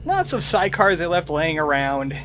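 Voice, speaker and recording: A let's play host gives casual, snarky, wry commentary while playing a video game, his voice heard over the game music and background noise. He speaks at normal speed in a fairly high, sing-song voice.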